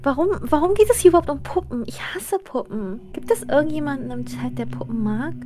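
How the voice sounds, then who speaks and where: A woman's voice: high voice, lively intonation, brisk. A young woman streamer chatting casually through a game in a cute anime-streamer manner, with game music behind.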